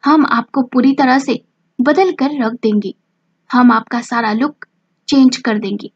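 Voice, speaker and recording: A woman's voice: fairly high pitch, unhurried, husky, lo-fi sound. A woman doing a stern grandmother scolding. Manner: formal, scolding, uses royal we. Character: stern commanding grandmother, a strict mother-in-law.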